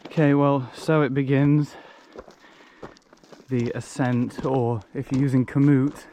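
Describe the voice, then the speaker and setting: A man's voice: mid-range voice, little pitch movement, takes it slowly, mellow, slight background noise. A young man filming a hiking vlog outdoors on a handheld camera, chatty and self-mocking, rambling through restarts. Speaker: hiking vlogger. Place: outdoors on a wooded fellside. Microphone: handheld action camera.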